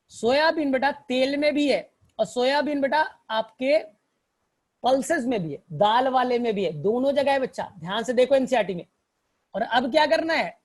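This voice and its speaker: A male teacher tells a story to help students remember plant examples, fondly calling them "child" and checking often that they follow. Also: very high voice. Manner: fond, addresses students as child; repetitive, checks understanding. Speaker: biology teacher. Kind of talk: mnemonic storytelling lesson.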